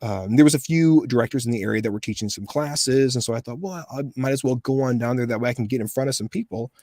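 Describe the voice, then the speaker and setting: Speaking quickly at a medium pitch, with no echo, this American man in his thirties is a voice actor on a casual interview. He tells his stories with animation and acts out the voices of the people in them.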